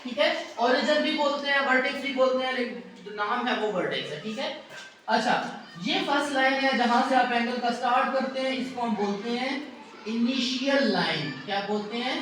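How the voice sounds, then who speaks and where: A man's voice: very high-pitched, brisk, a bit bright. A male teacher giving a math lesson to a class, patiently asking students to repeat key answers. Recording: echoey classroom from far off, faint noise.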